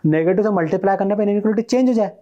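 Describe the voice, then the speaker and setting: A man's voice: high-pitched, very fast, warm tone, dull audio, voice pushed up, lightly acted. A man voicing an eager male student who answers his teacher politely, calling him sir. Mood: answering.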